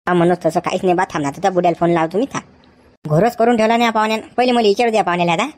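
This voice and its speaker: A woman's voice: on the low side, lightly acted. A woman playing a flustered, scolding village uncle. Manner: scolding, excitable, rapid. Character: flustered middle-aged village uncle, the girl's father.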